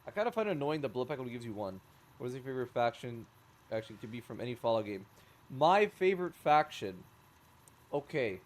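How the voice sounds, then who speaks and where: A man's voice: medium pitch, big pitch swings, brisk. A man streaming a game, chatting casually as he plays, rambling and correcting himself with sarcastic asides. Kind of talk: casual gameplay commentary.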